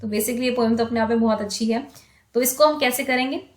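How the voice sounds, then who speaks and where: A woman demonstrating how to teach children's poems, singing them slowly and then explaining in quick conversational talk. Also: on the high side, reverberant. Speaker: teacher trainer. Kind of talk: demo poem teaching, sung and recited.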